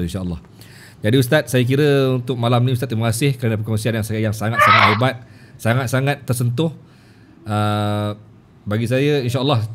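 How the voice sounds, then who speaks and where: A man's voice: mid-range voice, a bit bright, slight background noise. A male host from Malaysia wrapping up a live stream, thanking his guest with frequent repetitions and stammered restarts. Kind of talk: casual live stream hosting.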